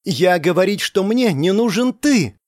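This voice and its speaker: A man voicing a haughty, sharp-tongued young woman who snaps and raises her voice in an audiobook. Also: a little high, big pitch swings, moderate pace, no echo. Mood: angry. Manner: snapping, raised voice.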